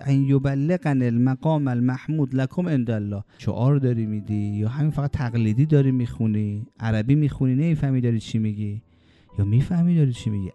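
A man preaching a religious sermon, exhorting his listeners, chanting Arabic verses slowly and acting out complainers in quick bursts. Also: warm tone. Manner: exhorting, quotes Quranic Arabic in a slow chant; acts out complaining voices in quick high bursts.

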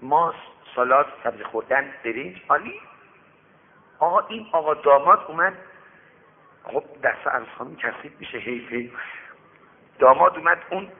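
A man preaching by way of a moral tale, with a fairly high voice and lively delivery, often stopping to warn his listeners. The sound is thin and phone-like, from an old radio broadcast with a long hall reverb. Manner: lively, addresses listeners directly with warnings. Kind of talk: moralizing sermon storytelling.

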